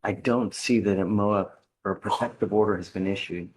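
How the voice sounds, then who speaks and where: A man's voice: on the low side, fairly even intonation, fairly quick, slight background noise, poor audio. A man speaking as a judge in a courtroom, giving blunt, stern orders and warnings in a directive way. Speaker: judge presiding over bond hearings.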